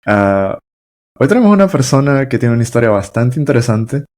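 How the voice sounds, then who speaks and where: A man's voice: medium pitch, very animated, a little fast, a little mellow. A man hosting a podcast interview, chatty and loose, with lots of filler sounds and restarts. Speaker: podcast host. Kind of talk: casual interview chat.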